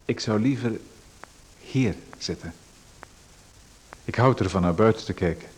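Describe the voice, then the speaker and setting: The role here is Macon, an overbearing, nosy male stranger in a radio play who settles in uninvited and makes request after request. The actor's voice is fairly low and slightly rough, his delivery unhurried, and the audio quality is poor.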